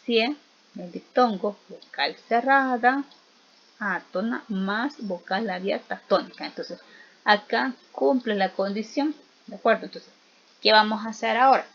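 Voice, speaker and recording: A woman teacher giving a recorded spelling lesson, slow and patient, spelling out vowels and examples aloud and asking the listener to repeat after her. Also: mid-range voice, fairly bright tone, muffled recording.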